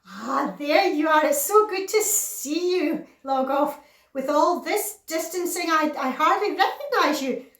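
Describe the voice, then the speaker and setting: Dotty old auntie for comedy sketch: very high voice, flustered, easily offended, roomy sound. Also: female voice, animated, a little slow, a bit bright, exaggerated voice. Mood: delighted. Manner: flustered, exclaiming.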